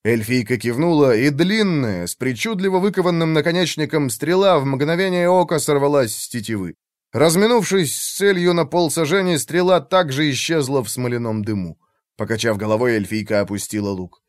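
A man narrating a fantasy audiobook in a steady, expressive storytelling manner. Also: fairly high pitch, fairly quick, no room sound, clean studio sound.

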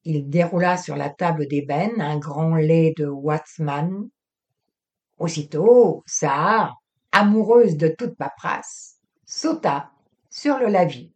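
A woman reading a literary novel aloud in a measured, expressive way. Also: low-pitched. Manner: slow, measured, expressive delivery. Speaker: audiobook reader.

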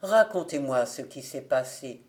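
A woman reads as a sorrowful village priest, an older man who speaks gently and gravely. The voice is low, slow and mellow. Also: lively intonation.

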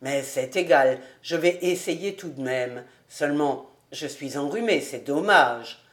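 Here is a jovial, self-satisfied bachelor from a storybook, read by a woman who lowers her voice for him. He talks in a deep, bluff way, slow and easy, full of boastful cheer. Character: jovial middle-aged bachelor man, boastful.

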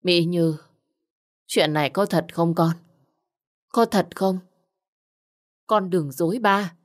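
A woman reading a stern, furious older father from an audio story, harsh and scolding. His voice sits fairly low and stays close to the reader's own. The delivery is commanding rather than fully acted out. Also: slow. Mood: shaken.

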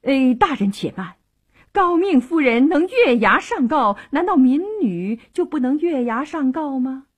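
A woman voicing an upright young male county magistrate who speaks in a calm, wry, deliberate way, in a traditional storytelling broadcast. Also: fairly high pitch, exaggerated voice.

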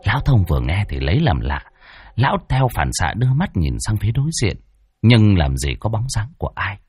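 A man's voice: fairly low pitch, sing-song, a little fast, a little mellow, husky, no room sound, faint music behind. A man narrating a horror story in a dramatic, ominous way.

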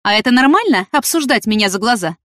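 A woman's voice: on the high side, lively intonation, fast, fairly bright tone, dry recording, studio quality, voice pushed up. A woman voicing a stern, harsh female farm manager who scolds sharply. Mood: scolding.

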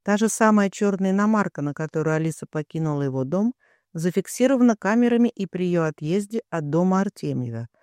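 A man narrating a dramatic thriller audiobook in an expressive, tense reading. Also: sits high, a little fast, clean tone, no room sound, clean studio sound.

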